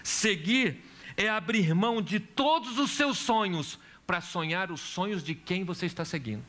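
Bright-voiced male pastor preaching. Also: sits high, lively intonation, unhurried. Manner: storytelling preacher, asks the congregation questions. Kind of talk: sermon. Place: church hall.

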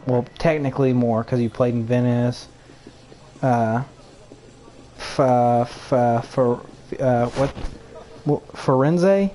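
A man's voice: medium pitch, level tone, slow, long pauses, dark tone, a little hiss or hum. Blunt, opinionated young man. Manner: opinionated, blunt, swears casually. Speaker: podcast co-host. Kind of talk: casual gaming chat.

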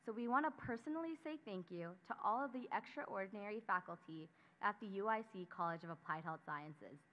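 A woman's voice: medium pitch, expressive. Young woman announcing at a podium microphone. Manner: measured, formal announcing of names. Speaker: student council member presenting awards. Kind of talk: formal ceremony speech read from a script. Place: graduation ceremony. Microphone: speaking at a podium microphone. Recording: dull lo-fi sound.

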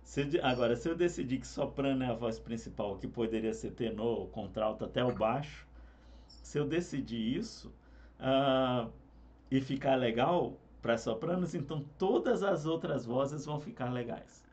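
A man's voice: mid-range voice, moderate pace. Man teaching harmony singing. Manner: relaxed, conversational teaching with fillers. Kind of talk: explaining vocal harmony with sung examples.

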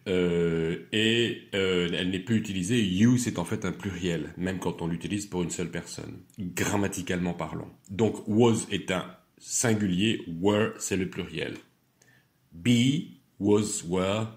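A man teaching, reciting irregular verb forms slowly and deliberately, then explaining them in a calmer, lower tone. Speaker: English teacher.

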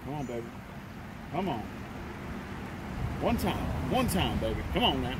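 A man's voice: mid-range voice, big pitch swings. Easygoing man by a creek. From Texas. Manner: easygoing, chatty, coaching. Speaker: fishing vlogger. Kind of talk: casual outdoor vlog narration. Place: outdoors by a rocky creek. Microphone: handheld phone camera. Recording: phone audio with loud creek noise. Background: rushing creek water.

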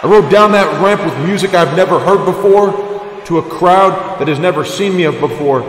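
In a wrestling game, a man voices a defiant drifter who became a champion wrestler, cutting a blunt promo full of free swearing. His slightly high, natural voice rings with a roomy echo and long reverb tail at a moderate pace, over faint humming ambience and a little hiss or hum.

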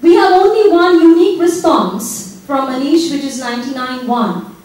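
Brisk high-voiced woman moderator in an echoey hall. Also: a little mellow. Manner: brisk, prodding, laughs between questions. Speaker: discussion moderator. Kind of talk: leading an audience game in a seminar. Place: seminar room with audience. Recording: echoey room from far off.

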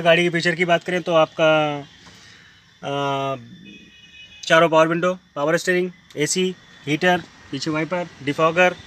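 Man, used car dealer, bright tone, flat delivery, faint outdoor noise. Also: fairly high pitch. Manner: brisk, repetitive sales patter. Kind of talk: walkaround sales pitch. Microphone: handheld phone camera.

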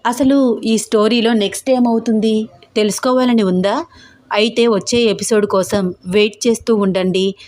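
A woman narrating a serialized audio story in a steady, even way. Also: on the high side, normal speed.

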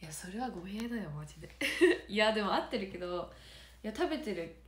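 Answering comments on her livestream, an idol trainee talks quickly and animatedly at a medium pitch. She sounds nasal from a stuffy nose, and she is chatty and giggly, swinging between soft murmurs and brighter outbursts in a roomy, echoing space.

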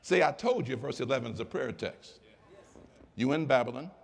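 A male pastor preaching a sermon, swinging from quiet asides to impassioned shouts. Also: mid-range voice, expressive, normal speed, gravelly.

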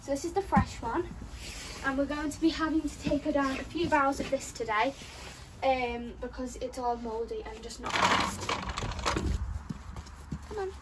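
A high-voiced young woman chats her way through a tour of a horse barn. She rambles along with plenty of fillers. A phone picks her up with noise clearly audible behind her. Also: fairly even intonation, normal speed, pauses often. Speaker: vlogger showing her barn. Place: outdoor horse barn and stables. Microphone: phone camera held nearby. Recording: phone video with background noise.

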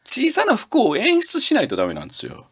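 Animated Kansai man, husky voice. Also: very high voice, fast, no echo. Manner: animated storytelling, acts out quoted voices. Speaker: radio host. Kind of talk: casual radio chat.

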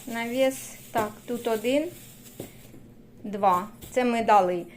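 A woman's voice: a little high, slow, slight background noise. An older woman from Ukraine vlogging at home, chatting and cooing affectionately at her dog. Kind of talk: casual home vlog chat. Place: indoors at home, then at a neighbor's house.

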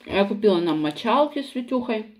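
A woman's voice: mid-range voice, expressive, brisk, darkish tone. A woman vlogging to viewers while eating, talking bluntly and sarcastically with her mouth full of food. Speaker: mukbang vlogger.

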